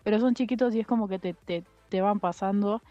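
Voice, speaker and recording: Speaking fairly quickly in a medium pitch, a young woman co-hosts a laid-back podcast on a dry recording. Her delivery is hesitant, full of fillers and restarts, and the sound is muffled and dull with faint background music.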